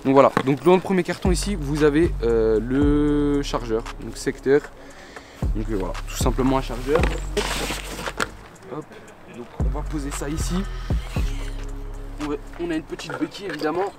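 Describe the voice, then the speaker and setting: A man's voice: fairly high pitch, moderate pace, long pauses. A man vlogging casually in French street slang, addressing viewers as mates while presenting a product. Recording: music behind the voice.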